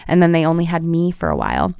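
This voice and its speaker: A woman's voice: sits low, wildly swooping pitch, fast talker, creaky, darkish tone, clean tone, no echo, studio quality. A woman in her thirties, a pediatric feeding therapist, talking in an earnest, heartfelt way with frequent fillers in a conversational interview.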